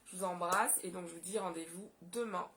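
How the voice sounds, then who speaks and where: A woman's voice: lowish voice, brisk, fairly bright tone. A woman from Guadeloupe talking straight to her audience in a casual solo vlog, impassioned and indignant. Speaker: vlogger.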